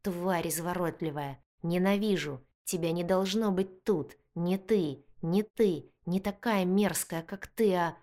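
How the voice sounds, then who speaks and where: A woman voicing an arrogant, hot-tempered young male guard who sneers and shouts insults in a fantasy audiobook. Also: medium pitch, moderate pace, close to an everyday voice. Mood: enraged.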